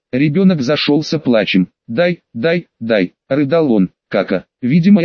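Man narrating an audiobook, somewhat high voice, dry close sound, slightly muffled. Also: no echo. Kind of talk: scripted narration.

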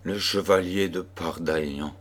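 A man's voice: lowish voice, very animated, takes it slowly, a little mellow, heavily acted. A man reading a grieving, secretive mother. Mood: grave. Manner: grave and sorrowful.

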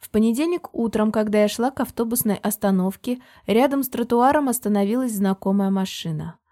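A woman narrating a novel in the first person, in a steady, measured storytelling manner. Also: mid-range voice. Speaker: audiobook narrator.

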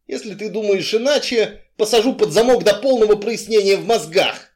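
A male reader playing a sly, gruff crime boss who mocks and blusters when pressed. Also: high-pitched, normal speed, darkish tone, pitched above the performer's own voice, natural voice. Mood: mocking, blustering. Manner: mocking, blustering, evasive.

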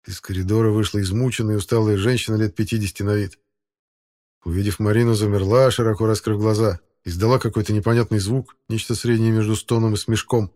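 A man narrating an audiobook in a steady, even storytelling manner. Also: on the low side. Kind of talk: scripted narration.

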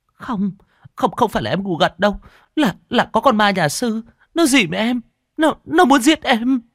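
A man's voice: high voice, animated, normal speed, fairly bright tone, dry recording, studio quality, voice pushed up, heavily acted. A man voicing a terrified young woman who stammers and pleads in panic. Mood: terrified pleading.

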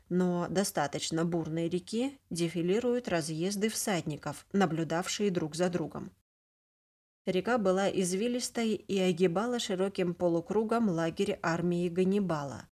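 Woman reading an audiobook, lowish voice. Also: a little mellow. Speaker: audiobook narrator. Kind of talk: scripted narration.

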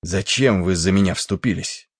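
A man voicing a big, coarse, angry ship's stoker with a rough, defiant, scornful manner, in an audiobook. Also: low-pitched, moderate pace, dry recording, studio quality. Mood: gruff.

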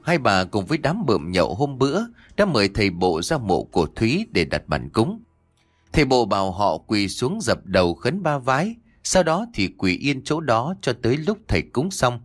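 A man narrating a scripted ghost story with lively, dramatic storytelling. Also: medium pitch, no room sound.

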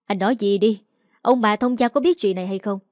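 A woman voicing a distraught middle-aged mother who pleads and shouts in a raised voice. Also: mid-range voice, brisk, no echo, studio quality, lightly acted. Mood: anxious.

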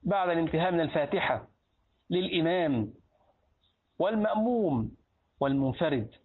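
Egyptian sheikh, lively classroom teacher, husky higher voice, asks questions and answers them himself; phone-quality lo-fi sound. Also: male voice, normal speed. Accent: Egyptian Arabic. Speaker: sheikh teaching a hadith book. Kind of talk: Islamic lesson in a mosque. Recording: tinny lo-fi phone-like recording.

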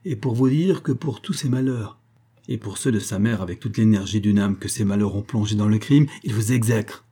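A desperate young man cornered by his past, as a man reads him, intense and accusing, pressing each point with urgency. The tone is dark and a little husky. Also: lowish voice, moderate pace.

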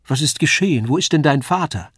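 A man's voice: on the high side, lively intonation, brisk, fairly bright tone, husky, no room sound, studio quality, pitched above the performer's own voice. A man reading an audiobook, voicing an earnest, kind young journeyman who speaks with urgency. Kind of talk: audiobook character voice.

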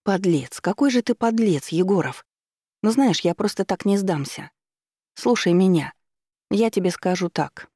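A man voicing a spoiled, hysterical rich young woman who talks in a shrill, indignant way. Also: a little fast, few pauses, dark tone, no echo, clean studio sound.

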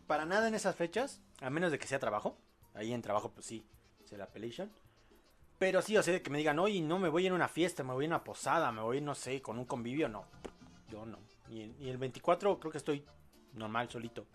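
Podcast host, male, slightly higher voice, rambling joking delivery over faint music. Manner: rambling, joking, reads posts aloud. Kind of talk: casual live-show chat, reading audience posts.

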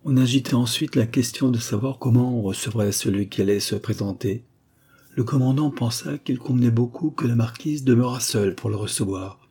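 A man narrating a classic novel as an audiobook in a measured, even manner. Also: mid-range voice, breathy edge.

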